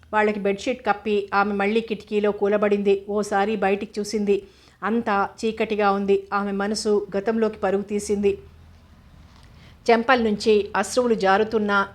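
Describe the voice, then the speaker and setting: A woman narrating an audio novel in a steady, even reading voice. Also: medium pitch.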